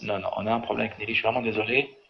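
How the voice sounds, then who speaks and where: A man's voice: fairly low pitch, flat delivery, very fast, gravelly. A man teaching biblical Hebrew in an online class, calling on students and patiently correcting their reading. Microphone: video call. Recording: slightly dull online audio with faint noise.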